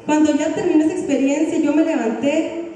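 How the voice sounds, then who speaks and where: A woman evangelist giving an earnest, heartfelt personal testimony, with halting restarts. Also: high voice, fairly even intonation, warm tone, heavy reverb, big-room sound, distant mic, soft background music.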